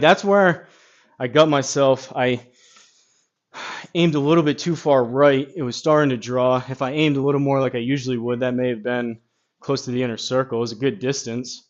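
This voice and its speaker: A man giving casual golf simulator commentary, rambling as he thinks out loud. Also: medium pitch, highs cut off.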